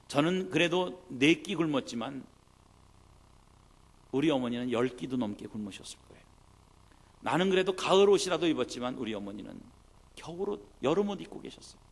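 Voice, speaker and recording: A middle-aged man, a pastor, preaching a sermon and telling a childhood story in an animated way, sometimes acting out his mother's prayers. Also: on the high side, fairly quick, long pauses.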